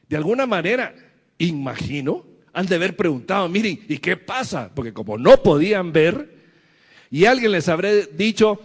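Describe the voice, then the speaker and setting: A man's voice: high-pitched, in a large hall. A man preaching a sermon to his church, asking the congregation questions as he goes. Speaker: pastor.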